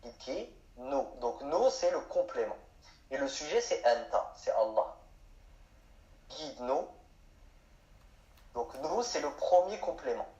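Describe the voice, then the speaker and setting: A man's voice: medium pitch, sing-song, takes it slowly, pauses often, warm tone. A man giving an explanatory lesson on grammar, asking questions and answering them himself. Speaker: Arabic teacher. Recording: echoey room, dull sound.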